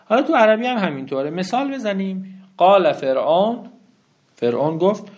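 A man teaching a grammar lesson, explaining step by step and often asking the listener questions. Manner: lively, swinging pitch.

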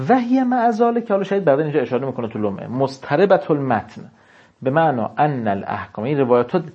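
A man giving a seminary lecture on religious law. He reads classical text out slowly, then explains it in casual speech. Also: medium pitch, darkish tone, slightly rough, highs cut off.

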